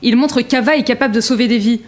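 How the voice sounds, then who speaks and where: An actress playing an assertive, indignant defence lawyer, formal and insistent, in a courtroom audio drama. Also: female voice, on the high side, fast talker, natural voice.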